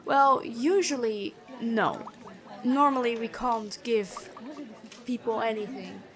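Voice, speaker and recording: In a fantasy ASMR roleplay, a woman with a fairly high voice plays a prison guard of noble birth who is stern yet kind. She speaks in a measured, conversational way, sounding calm and matter-of-fact.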